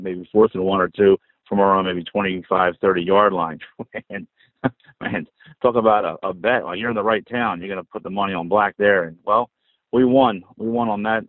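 Husky American man calling from a rainy car. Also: on the low side. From New Jersey, United States. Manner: conversational, emphatic, addressing listeners directly. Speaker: podcast caller. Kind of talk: fan voicemail commentary on football. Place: inside a car in the rain. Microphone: phone call. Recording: roomy, narrow phone-line sound. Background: rain falling on the car.

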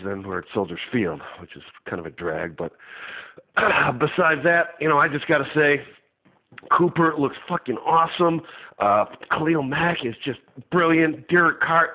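A man from Chicago calling in to a radio show over the phone, chatting casually and cheerfully as a fan. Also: medium pitch. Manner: upbeat, chatty, laughs between points. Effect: phone line of a call-in show. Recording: tinny phone line.

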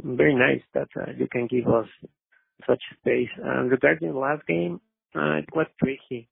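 A caller from Mexico City who speaks English. His voice is deeply gravelly and very raspy, and he speaks slowly. He is heard over a dry, narrow phone line, polite and halting. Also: fairly even intonation, dry recording. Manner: hesitant, polite, many "uh" fillers. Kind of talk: call-in sports talk.

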